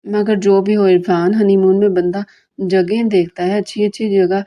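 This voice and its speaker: A woman's voice: mid-range voice, level tone, dull audio, lightly acted. A woman voicing a young wife in a romantic audiobook novel, scolding and pleading with her husband.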